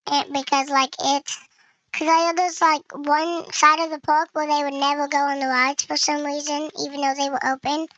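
Speaking through a voice changer, this young-sounding gaming video creator has a high, bright, forceful voice. The casual commentary mixes chatting to viewers with thinking aloud, recorded with no echo and a lo-fi quality.

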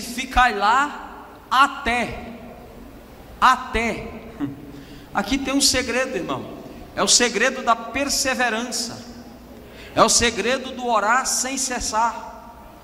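Brazilian male pastor, high sharp tone, impassioned repetitive sermon, reverberant hall. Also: a little hiss or hum. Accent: Brazilian Portuguese. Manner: impassioned preaching, shouting emphatic repetitions. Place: church hall. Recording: echoey hall, long reverb.

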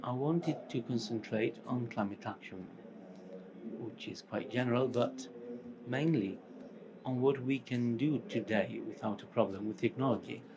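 A middle-aged company co-founder with a Portuguese accent tinged with Spanish gives a conference presentation from a large indoor hall stage. His medium-pitched voice comes in short, halting phrases broken by pauses, and audience noise fills the hall.

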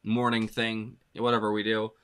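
A man with a bright, forceful voice gives a casual music reaction. He rambles loosely, stacking up "you know" and "like" as he thinks aloud, and laughs often between thoughts. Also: lowish voice, monotone, moderate pace, clear, resonant tone. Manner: laughs often while talking.

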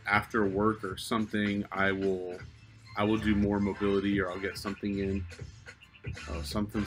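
A man in his thirties, a fitness coach chatting casually on a livestream from his open home garage, rambling and swearing easily. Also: lowish voice. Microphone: webcam on a table.

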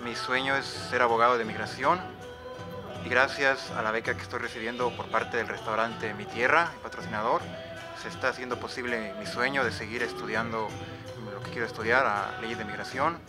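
A man's voice: medium pitch, steady tone, fast talker, over music. A man in his twenties giving an eager, earnest testimonial to the camera as a scholarship student. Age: 20s.

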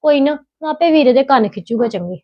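A woman's voice: high voice, lively intonation, fast. A young woman, playing a spoiled, sulky younger sister-in-law who complains a lot. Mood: complaining. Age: early 20s. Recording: dull lo-fi sound.

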